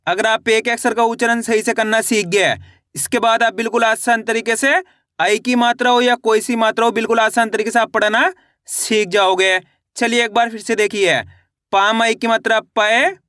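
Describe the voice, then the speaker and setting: A man teaching children to read, spelling out syllables slowly and asking and answering his own questions. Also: high voice, bright, forceful tone, no room sound, studio quality. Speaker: Hindi reading teacher. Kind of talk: spelling-out phonics lesson.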